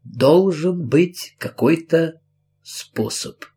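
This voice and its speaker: A man voicing a prim middle-aged witch, slow and brooding, with a menacing edge. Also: a little high, lively intonation, voice pushed up, lightly acted. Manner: slow, brooding, menacing, then suddenly sweet. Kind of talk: audiobook character voice.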